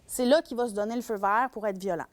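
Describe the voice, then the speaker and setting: A woman's voice: mid-range voice, quick pace. A woman with a Québécois accent giving a public lecture as a shelter worker on domestic violence. She speaks animatedly and acts out scenarios. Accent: Québécois French.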